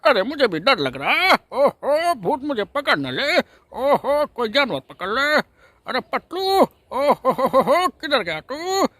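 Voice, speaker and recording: A round, jolly cartoon hero who chuckles between every line and frets about being lost. The voice sits very high and swoops up and down. The sound is close and dry. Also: male voice, sing-song, slow pace, pushed and bright, no room sound, full character voice. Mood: scared. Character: chubby jolly male cartoon hero, easily scared.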